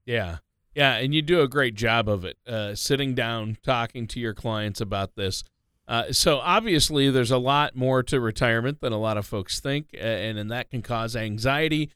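A man co-hosts a money show on talk radio, cheerfully summing up and handing questions over to the host. His voice is smooth and resonant, with a dry, close studio sound. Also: medium pitch, moderate pace, fairly bright tone, dry recording. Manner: upbeat, recaps and sets up questions.

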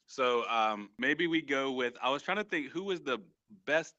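A man's voice: medium pitch, animated, moderate pace, sharp tone, dry recording, highs cut off. A man co-hosting a podcast, talking sports casually and with feeling, full of slang. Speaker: podcast co-host. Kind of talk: casual chat about sports.

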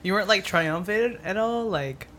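A woman's voice: mid-range voice, moderate pace, crowd noise. A woman co-hosting a podcast in casual chat, telling stories with lots of laughter. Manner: giggly, animated storytelling. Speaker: podcast co-host.

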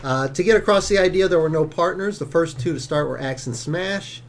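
Man, slightly high voice, casual commentary, informative, dry humor. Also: brisk. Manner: informative, reads out wrestling history, dry jokes. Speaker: co-host of a wrestling watch-along.

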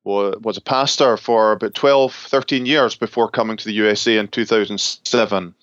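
A middle-aged Scottish pastor and seminary professor talks in a relaxed interview, easy and reflective, with small laughs, pauses, and occasional restarts. His voice sits on the low side with a steady tone. The recording is close and dry with no room sound, and its top end is slightly muffled and dull.

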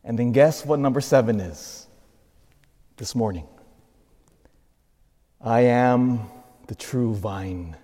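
A man's voice: mid-range voice, takes it slowly, long pauses, mellow. A priest reads the gospel and then preaches, his voice earnest and emphatic. His mid-range voice rings out with a long cathedral echo. It sounds as though it fills a large stone church. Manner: earnest and emphatic, building up through lists. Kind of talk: gospel reading and homily.

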